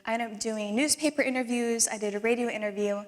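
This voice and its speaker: A woman's voice: on the high side, fast. A young woman in her twenties from the Philippines, giving a talk and performing a spoken word poem with earnest, rhythmic emphasis. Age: 20s.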